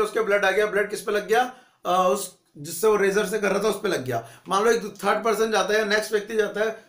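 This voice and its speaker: A male teacher giving a conversational economics lesson, asking questions and answering them himself. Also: sits high. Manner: conversational, asks and answers his own questions. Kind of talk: classroom economics lecture. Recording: echoey room.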